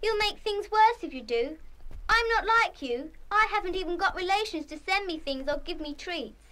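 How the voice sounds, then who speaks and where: Very high-voiced, sweet young schoolgirl. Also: lively intonation, normal speed, bright, forceful tone, exaggerated voice. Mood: hurt, pleading. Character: shy, lonely, sweet schoolgirl turning eleven. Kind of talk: 1970s full-cast children's radio play acting.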